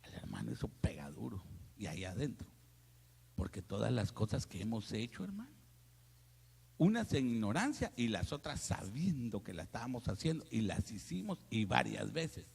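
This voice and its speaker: A man, a pastor, preaching a lively sermon full of jokes and asides, calling his listeners brother. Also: fairly low pitch, moderate pace, creaky, slightly rough. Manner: animated, joking, addresses listeners as brother. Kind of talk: lively Spanish sermon with humor. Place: church hall. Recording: long church reverb.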